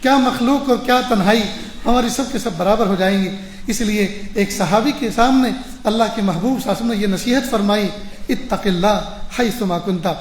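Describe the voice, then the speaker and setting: A high-voiced male preacher tells a moral story, hammering his points home with repeated phrases. His voice echoes through a roomy mosque hall over a faint background hum. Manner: emphatic, repeating phrases for stress. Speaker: maulana preacher. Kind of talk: storytelling sermon.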